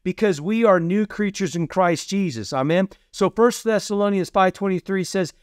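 Smooth and high, this man's voice carries a casual teaching sermon captured in a dry, clean studio recording. The preacher, who hosts a teaching series, often repeats "Amen?" and leads into his points with "So see."

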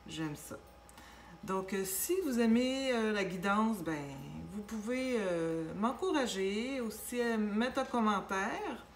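A woman with a Québécois accent giving a casual tarot reading, gentle and reassuring, with many fillers and restarts. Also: mid-range voice, slow pace. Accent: Québécois French. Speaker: tarot reader. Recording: echoey room with faint background noise.

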